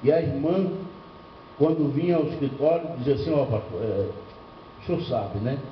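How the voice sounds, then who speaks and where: A man's voice: mid-range voice, moderate pace, slight background noise. An older man from Bahia, a pastor preaching at a church seminar, telling stories with rhetorical questions and humor. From Bahia, northeastern Brazil. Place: church hall. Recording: echoey lo-fi church recording from far off.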